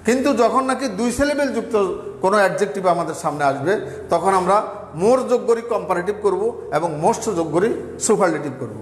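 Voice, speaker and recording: A man's voice: high-pitched, lively intonation, fast. A man teaching English grammar in a step-by-step classroom lesson, asking questions and answering them himself, with a Bangladeshi accent. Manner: explains step by step, asks and answers his own questions. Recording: echoey room with long reverb.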